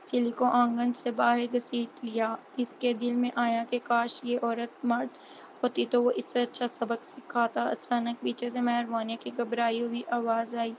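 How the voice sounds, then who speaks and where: A woman reads a novel aloud in a high voice that hardly rises or falls. She stumbles now and then and restarts words. The recording is dull and lo-fi, with a faint hiss behind her. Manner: flat monotone reading with small restarts. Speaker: narrator. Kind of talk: storybook novel reading.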